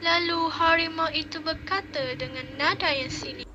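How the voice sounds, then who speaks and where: A young woman, narrating a puppet show in a steady storytelling manner. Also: extremely high pitch, moderate pace. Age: young adult. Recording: dull noisy home recording.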